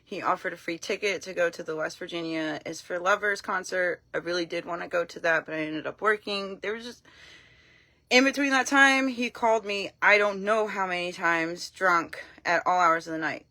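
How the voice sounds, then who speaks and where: A woman talking casually on a live stream, frank and blunt, telling her story in an animated way and acting out what people said. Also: lowish voice, moderate pace, no room sound. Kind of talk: casual talk to camera.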